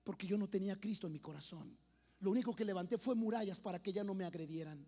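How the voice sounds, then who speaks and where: A high-pitched man preaches from the pulpit, rising into loud declarations and then dropping into hushed personal storytelling. His voice rings out with a long reverb through a church hall. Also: fast. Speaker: pastor. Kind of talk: sermon.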